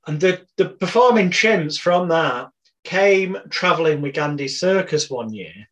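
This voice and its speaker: British man, 40s, interview guest, chatty anecdotal storyteller, wry humor, slightly high voice. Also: expressive, measured pace, a bit bright. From Britain. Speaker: podcast guest.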